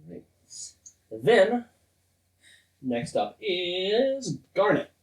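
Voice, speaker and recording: Lively male game master in a roomy room. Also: sits high, extremely slow, vocal fry. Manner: descriptive, playful narration. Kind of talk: narrating a tabletop game. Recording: roomy, distant mic.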